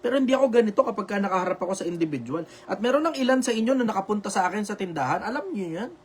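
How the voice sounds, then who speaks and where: Loud Filipino show host, high voice, blunt and repetitive, swears freely. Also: male voice, expressive, racing, breathy edge. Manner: says he speaks loudly on purpose for social media. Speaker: live show host answering viewer questions. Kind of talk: loud, preachy live advice talk. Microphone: video call.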